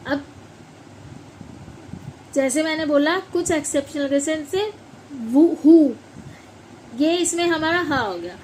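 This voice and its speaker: Speaking slowly with long pauses, this high-voiced English teacher sounds expressive, her tone somewhat dark. She teaches pronunciation as in a classroom, spelling and repeating words and checking that everyone keeps up. A bit of hiss or hum runs through the rough recording.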